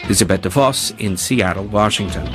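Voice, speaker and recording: A man hosting a radio program, reading scripted links and putting questions to a guest in a measured way that drops at the ends of phrases. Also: lowish voice, loud music behind the voice. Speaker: radio show host. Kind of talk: scripted radio presenting and interviewing.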